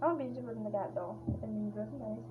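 A woman's voice: on the high side, racing, soft background music. A woman playing a horror game with casual, panicky commentary, exclaiming and chattering as she plays. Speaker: gamer. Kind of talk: casual let's-play commentary. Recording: dull lo-fi mic with clear hiss.

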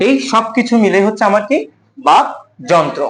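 A man's voice: high voice, very animated, a bit bright, soft background music. A young man teaching a lecture, asking questions and answering them himself. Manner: repeats key words slowly for emphasis. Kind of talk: classroom lecture.

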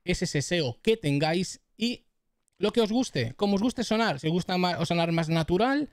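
Young-sounding male streamer, slightly high voice, dry close mic, casual how-to patter. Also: expressive, moderate pace, no echo. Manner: chatty, addresses viewers as "chavales" and "familia"; repeats test phrases into the mic. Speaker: tech YouTuber giving mic setup tips. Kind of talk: casual tutorial. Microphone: close studio dynamic microphone.

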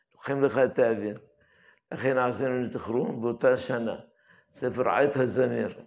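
Older male yeshiva head, gravelly voice, reminiscing lesson. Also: mid-range voice. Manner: unhurried, reminiscing, with restarts. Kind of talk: daily religious lesson, telling anecdotes.

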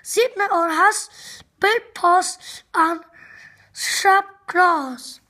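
A woman voicing a clever little rabbit in a children's storybook, calm and sly. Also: very high voice, drawn-out words, heavily acted. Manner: reassuring, sly.

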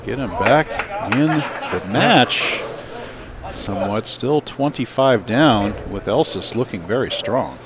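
A man's voice: mid-range voice, animated, slow pace. A man doing live play-by-play commentary at a bowling center, chatting between shots. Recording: live broadcast with crowd behind. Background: crowd and bowling noise.

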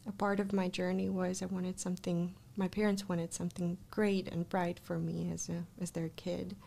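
A Russian woman born in Kazakhstan, a life coach appearing as a podcast guest, tells her personal story in a casual interview with a Russian accent. Her voice is low-ish, gravelly and warm, with a level tone at normal speed. She is indoors in a small podcast studio, close on a studio microphone and wearing headphones.

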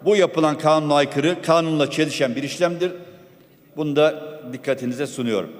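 Combative man at a parliament lectern microphone. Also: a little high. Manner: combative, accusing the ruling side. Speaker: member of parliament giving a floor speech. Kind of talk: parliamentary floor speech. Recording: long hall reverb in a parliament chamber.

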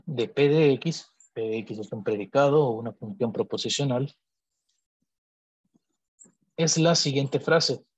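Working through logic notation on a digital whiteboard, a man teaches math slowly and deliberately, thinking aloud and pausing now and then to rephrase or correct himself. His slightly husky voice sits at an ordinary middle pitch, picked up close on a computer mic, and the audio is poor.

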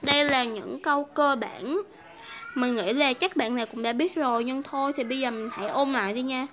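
A woman's voice: high-pitched, a little fast, fairly bright tone. A woman from Vietnam hosting a casual English lesson, chatty and repeating phrases for learners. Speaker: English teacher, video host.

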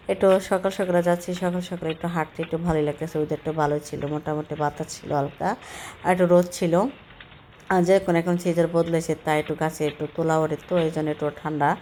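A woman in her thirties from Bangladesh walks and talks to her phone in a low, fairly flat voice, her throat still recovering from soreness. She rambles chattily, full of fillers and restarts. Faint outdoor noise sits behind her. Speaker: vlogger. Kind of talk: casual walking vlog narration. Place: outdoors on a city street.

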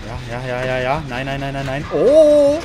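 A young man commentating his own gameplay, excitable, with panicked yelps and English words mixed into his speech. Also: medium pitch, normal speed. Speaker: gamer. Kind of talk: let's play commentary. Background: game music.

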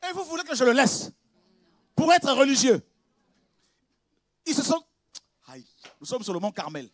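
A man preaching a sermon as pastor, swinging from quiet, conversational confiding to shouted exclamations, with laughs and repeated words. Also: extremely high pitch, very animated, moderate pace, a little hiss or hum.

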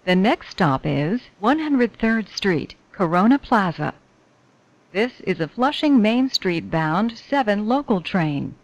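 Woman making slow, lively-pitched subway announcements. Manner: measured, formulaic delivery. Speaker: train announcer. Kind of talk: scripted subway station announcements.

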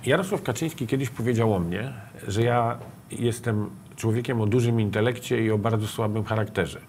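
A man's voice: on the low side, moderate pace, slight background noise. A middle-aged man, a politician guest in a TV studio, speaking emphatically in a political interview. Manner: emphatic, rising to forceful conviction.

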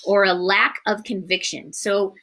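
A woman teaching a Bible story to children, animated and asking them questions as she goes. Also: mid-range voice, a little slow. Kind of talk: Bible story lesson for kids.

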